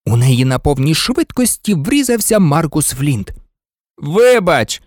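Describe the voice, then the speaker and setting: Man narrating an audiobook, expressive, high voice, very lively pitch, dry close mic. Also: moderate pace, no room sound. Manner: expressive, voices every character. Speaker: audiobook reader.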